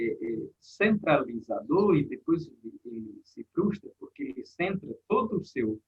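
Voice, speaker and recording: A man talking through his ideas in a casual panel discussion, pausing and restarting his sentences often. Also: a little high, slightly rough, dull audio. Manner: thinking aloud with many fillers and restarts. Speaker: guest teacher in a panel talk.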